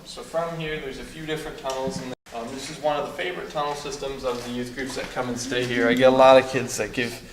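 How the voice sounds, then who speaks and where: A man's voice: mid-range voice, steady tone, fast talker, hardly any pauses, a crowd in the background. Man guiding a tour in an echoing cave. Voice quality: cave echo on the voice. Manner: explanatory, pointing out features. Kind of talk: informal guided tour talk. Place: inside a cave. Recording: echoing cave, distant mic, clear noise.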